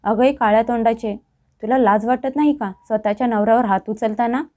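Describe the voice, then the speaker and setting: A woman voicing an angry, domineering middle-aged mother-in-law who scolds and shouts in a storybook tale. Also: on the high side, brisk, natural voice. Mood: scolding.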